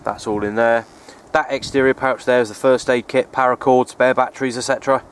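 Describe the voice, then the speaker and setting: A mid-pitched male voice delivers casual, wandering vlog narration, a little on the fast side and steady in tone. He's an outdoor radio enthusiast recording himself on a wooded, open hilltop, low-key and resigned, revisiting his points again and again. Faint background noise reaches the built-in mic of the handheld camera in his hand.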